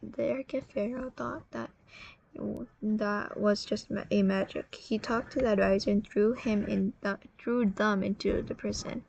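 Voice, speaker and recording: A tired woman telling a religious story in a casual, halting way, often correcting herself. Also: medium pitch, fairly even intonation, gravelly, a little mellow, breathy edge, dull audio. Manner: halting, self-correcting, apologetic.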